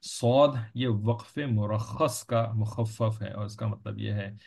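On a dull lo-fi recording, a man with a lowish, slow, creaky and slightly mellow voice gives a religious lesson. He lectures explanatorily, patiently repeating points and checking that his listeners are following.

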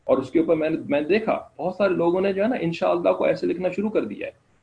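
A man teaching an online class, explaining slowly and checking in with his students again and again. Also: high voice, gravelly, phone-quality sound. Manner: slow explanatory, keeps asking "ٹھیک ہے نا".

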